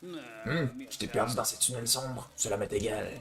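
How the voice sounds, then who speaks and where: A man's voice: mid-range voice, moderate pace, crowd noise, natural voice. A man voicing a boastful, rude little knight from a video game, with a Québécois accent and a haughty, declamatory delivery. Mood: dismissive.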